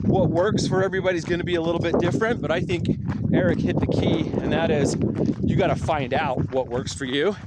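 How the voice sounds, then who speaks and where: A man hosting a podcast, asking questions and telling stories in an animated, laughing way. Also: a little high, fairly quick, heavy background noise. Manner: animated storyteller, laughs easily. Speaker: podcast host. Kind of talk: casual interview chat.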